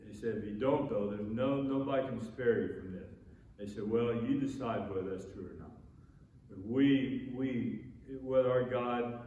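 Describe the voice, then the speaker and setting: A middle-aged man preaches an earnest sermon, repeating and restarting his phrases as he goes. His voice is mellow and fairly low. He stands at a pulpit in a small, empty church, caught by a distant camera, and the sound is dull and very echoey. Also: a little hiss or hum. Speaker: pastor. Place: small church sanctuary with empty chairs, indoors. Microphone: far camera facing the pulpit.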